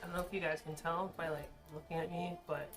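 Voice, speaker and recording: A woman with a slightly low voice hosts a casual eating and cooking video. She is tipsy from shots and talks to the camera in loose slang, swearing freely as she goes. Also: steady tone, quick pace, music in the background. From Caribbean background. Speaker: mukbang and drunk-cooking video host.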